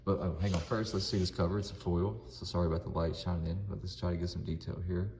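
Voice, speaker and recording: He talks fast in a low, level voice that's a little mellow, hosting a comic book channel where he chats casually and dramatically narrates a comic read-along. The indoor room sounds echoey, with some background noise.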